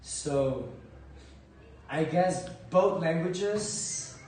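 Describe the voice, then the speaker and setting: His voice leans high and very slow: a man in his thirties from Ecuador, a teacher, answering interview questions in a relaxed, hesitant manner and often repeating words while thinking. He's indoors in a school library with bookshelves, filmed by a far camera across a desk, so the audio is echoey with faint noise.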